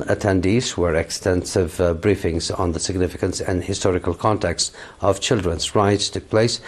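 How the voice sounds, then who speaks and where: A man reading a television news bulletin in a formal, measured way, now and then correcting himself. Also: deep voice, breathy edge. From Eritrea. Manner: formal, measured newsreading with occasional slips and self-corrections. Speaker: news anchor.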